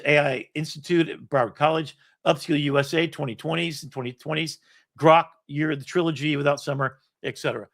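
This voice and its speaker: This fairly high, somewhat bright male voice belongs to a host in his sixties, working from a home setup with an iPad. He casually talks through a screen-shared document, rambling, poking fun at himself, and cursing now and then.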